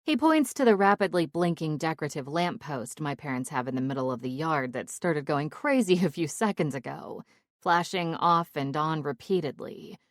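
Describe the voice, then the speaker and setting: A woman narrating an audiobook in the first person, wry and expressive. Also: low voice, normal speed, dry recording, clean studio sound.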